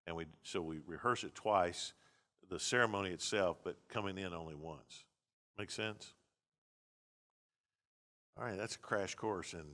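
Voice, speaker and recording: A man's voice: low-pitched, a bit bright. A man, a pastor teaching a seminary class in a blunt, conversational lecture with many restarts.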